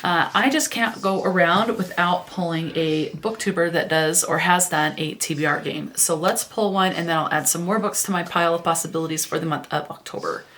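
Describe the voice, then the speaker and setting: A woman with a slightly low voice hosts a casual book vlog. She chats to the camera and reads back-cover blurbs aloud, now and then stumbling and correcting herself. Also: fairly quick, hardly any pauses, a bit bright, slight background noise. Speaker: book vlogger.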